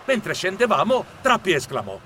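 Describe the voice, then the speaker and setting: A man narrating a children's book in a lively, theatrical way. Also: high voice, moderate pace, slight background noise. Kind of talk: expressive audiobook narration.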